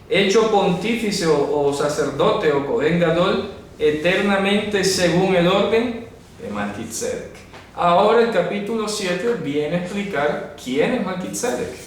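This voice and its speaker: Man, Bible teacher, explains step by step, asks if you follow, distant camera mic, faint background noise. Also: on the high side. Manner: explanatory, asks listeners rhetorical check-in questions. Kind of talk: teaching a Bible exposition at a board. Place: room with a writing board. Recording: very echoey room, mic far off, faint noise.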